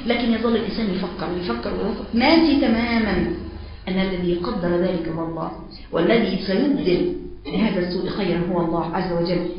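A woman's voice: medium pitch, fast talker, a crowd in the background. A woman with an Egyptian accent giving a religious lesson, emphatic, speaking directly to women listeners and quoting verses. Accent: Egyptian Arabic. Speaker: religious preacher. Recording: very echoey, dull lo-fi sound.

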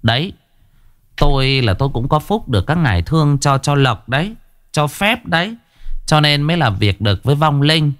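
A man voicing a boastful, sharp-tongued older female shaman who talks in a shrill, bossy way. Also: very animated, normal speed, dry recording, studio quality.

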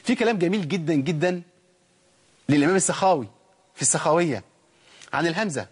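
A middle-aged Egyptian sheikh explains recitation rules to his class, throwing out questions and answering them himself. His voice sits a little high and sounds husky. He talks at a rapid clip. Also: lively intonation. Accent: Egyptian Arabic. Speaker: Quran recitation teacher.

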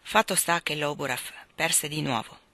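A woman reading a novel aloud in a measured, expressive storytelling manner. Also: deep voice, dry recording. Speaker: audiobook reader.

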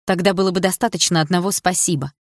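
A woman voicing a proud, sharp-tongued schoolgirl in an audiobook, blunt and indignant. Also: fairly low pitch, fairly even intonation, fast talker, no room sound, clean studio sound.

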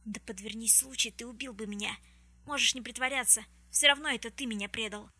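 A woman's voice: fairly high pitch, fairly even intonation, fairly quick, pushed and bright, slightly rough, no echo, full character voice. Woman doing a defiant young captive woman. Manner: defiant, hissing.

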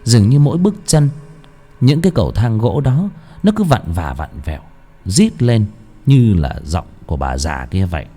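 A man's voice: fairly low pitch, very animated, normal speed, mellow, a little hiss or hum. A man narrating a ghost story expressively and voicing each figure. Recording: faint background music.

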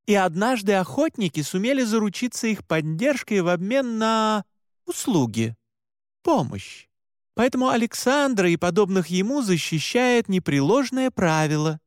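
A man's voice: high voice, big pitch swings, normal speed, no echo, clean studio sound, voice pushed up. A man voicing a stern, blunt female monster hunter in an audiobook, firm and lecturing. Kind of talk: audiobook character voice.

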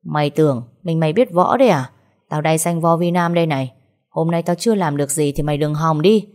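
A woman's voice: sits low, fairly quick, darkish tone, lightly acted. A woman voicing a drunk, lecherous older male sales manager who blusters and then grovels, stammering through fillers. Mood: growling.

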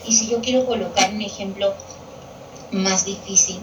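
A woman's voice: mid-range voice, fairly even intonation, normal speed, recorded from a distance. Woman teacher explaining grammar from afar. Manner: patient, repeats key terms for students. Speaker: Spanish language teacher. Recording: echoey room picked up from afar with television noise.

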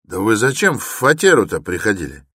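A man's voice: lowish voice, very animated, fairly quick, pushed and bright, husky, no room sound, studio quality, voice pushed up, full character voice. A man voicing an irritable, suspicious male yard-keeper in a narrated story who barks impatient questions.

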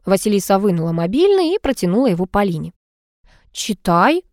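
A woman's voice: mid-range voice, expressive, moderate pace, mellow, dry recording, clean studio sound. Woman narrating a detective audiobook. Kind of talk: scripted narration of a detective novel.

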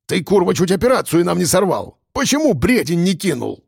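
A man's voice: high-pitched, big pitch swings, brisk, vocal fry, darkish tone, breathy edge, no room sound, clean studio sound, voice pushed up, exaggerated voice. A man voicing a bossy, boozy unshaven local man who barks crude orders.

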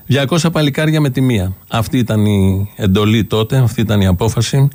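A man's voice: on the low side, a little mellow. Grave male documentary narrator.

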